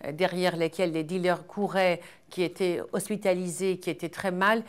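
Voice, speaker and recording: Earnest, low-voiced middle-aged woman from Iran. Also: steady tone, clear, resonant tone. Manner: earnest, measured, frequent hesitations. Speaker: charity founder and guest. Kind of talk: earnest interview answers.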